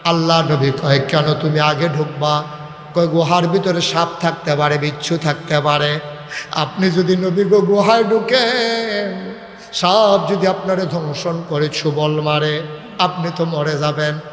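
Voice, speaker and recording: A man preaching a sermon, telling a story in a sing-song voice that climbs to loud shouts. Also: on the high side, flat delivery, measured pace. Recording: echoey live PA sound.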